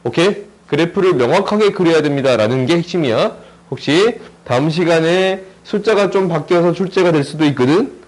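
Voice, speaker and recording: A man teaching a recorded math lesson in a chatty, joking way, checking in with his students through constant quick questions as he works through a graph problem. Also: fairly high pitch, lively intonation, rough recording. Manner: jokey, chatty, asks students lots of tag questions.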